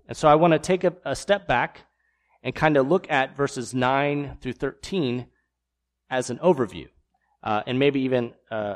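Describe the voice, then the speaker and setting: Man teaching scripture, using fillers. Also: medium pitch. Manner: explains scripture, reads verses aloud, frequent fillers. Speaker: Bible teacher. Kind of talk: sermon.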